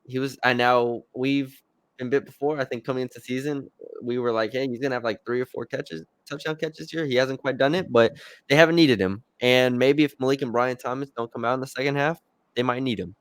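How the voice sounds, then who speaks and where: Smooth-voiced man in casual sports chat. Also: medium pitch, steady tone, brisk, dry recording. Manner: conversational, hesitant with fillers and restarts. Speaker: sports podcast co-host.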